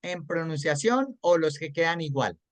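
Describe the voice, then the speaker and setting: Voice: mid-range voice, expressive, moderate pace, dry recording. An English teacher with a Colombian accent explains grammar to a student in an online class, mixing English words into Spanish and often checking that the student follows. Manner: patient, checks understanding often.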